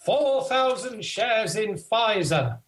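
Male actor as blustering, grieving old monarch for comic mummers' play; theatrical, unhurried delivery, roomy sound. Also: high-pitched, expressive, a bit bright, exaggerated voice. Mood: desperate, bargaining. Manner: theatrical, declamatory. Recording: echoey room.

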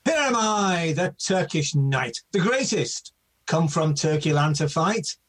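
Man playing a high, swaggering, husky villain knight. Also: expressive, slow, fairly bright tone, exaggerated voice. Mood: menacing, boastful. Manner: swaggering, declamatory. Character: boastful, menacing Turkish knight, comic villain. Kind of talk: comic mummers' folk play, declaimed.

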